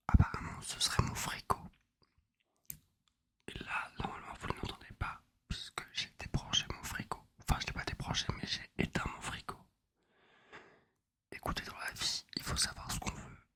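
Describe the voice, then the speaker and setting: A young man whispers a rambling, wry, self-mocking ASMR chat close to a binaural microphone. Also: bright, forceful tone. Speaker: ASMR video host. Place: apartment at night. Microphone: close binaural USB microphone.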